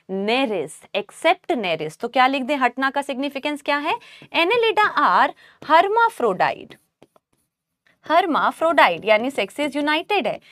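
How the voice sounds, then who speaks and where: Lively woman teaching biology. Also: high-pitched, dry recording, studio quality. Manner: lively, repeats key terms slowly, calls students beta. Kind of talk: classroom lecture with memory tricks.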